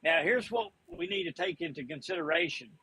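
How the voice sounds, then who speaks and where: A man from Kentucky speaks over a remote call connection that keeps breaking up and dropping out. His voice sits a bit high for a man, with a faint hiss under it. He leans on his words and stretches them out for emphasis. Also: wildly swooping pitch, brisk, vocal fry, pushed and bright. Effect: online call audio breaking up and cutting out. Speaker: remote caller on a panel. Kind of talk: casual political talk.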